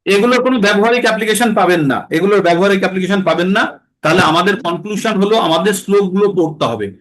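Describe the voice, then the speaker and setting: A man teaching how to recite Sanskrit verses in a class, explaining patiently and slowing to chant lines syllable by syllable. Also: high-pitched, a bit bright, poor audio. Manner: patient, explanatory, checks understanding.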